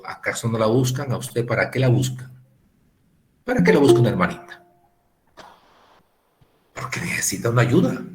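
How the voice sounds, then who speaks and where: Male instructor, mid-pitched, animated lecturing full of rhetorical questions, faint room noise behind. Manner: animated, rhetorical questions, acts out quoted remarks. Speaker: ministry course instructor. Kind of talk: classroom lecture.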